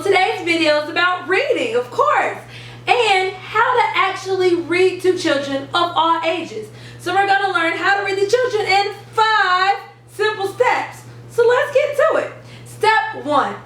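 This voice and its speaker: A woman speaks animatedly and emphatically to camera in an upbeat instructional video for parents and teachers, sounding every bit the teacher. Her very high voice moves a little slowly. The audio is roomy, recorded from a distant mic, with faint background noise.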